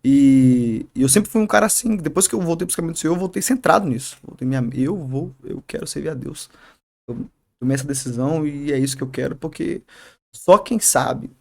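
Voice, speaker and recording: A man, a barber and youth leader, telling his faith story in a podcast interview, halting often and tagging sentences with "né?". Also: a little high, creaky, a little mellow. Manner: halting, many restarts and "né?" tags. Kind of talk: emotional testimony in casual interview.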